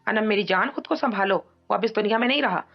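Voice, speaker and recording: A woman's voice: mid-range voice, quick pace, gravelly. A woman voicing a worried, soothing mother. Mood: anxious. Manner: soothing yet anxious. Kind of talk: dramatic audiobook reading. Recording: dull lo-fi audio, faint music.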